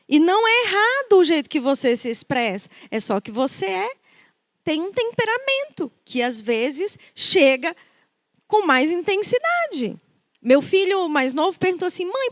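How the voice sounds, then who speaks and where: A woman's voice: very high-pitched, no room sound, studio quality. A middle-aged woman with a Brazilian Portuguese accent, preaching a conversational sermon and acting out the people she quotes. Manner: conversational, acts out quoted voices. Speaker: preacher and counselor.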